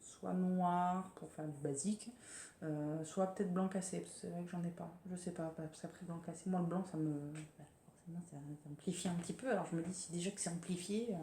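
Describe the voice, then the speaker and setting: With a lowish, warm voice, fairly even intonation and a slightly quick pace, a French woman talks informally about her sewing on a podcast. She hesitates a lot, using many fillers and restarting sentences. The echoey room has faint ambience plus a little hiss or hum.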